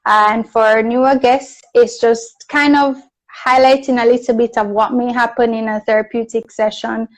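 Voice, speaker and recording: A woman with a Jamaican accent hosting a casual live video chat, friendly and quick to laugh. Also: a little high, level tone, low-quality recording. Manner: friendly, laughs easily, slow and deliberate. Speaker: host. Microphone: video call.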